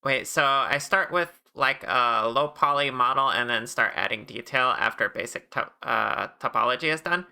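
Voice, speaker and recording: A streamer chatting casually while working on a 3D model, thinking aloud in a relaxed way. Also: medium pitch, moderate pace, creaky, few pauses, clean tone. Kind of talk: casual live-stream chat.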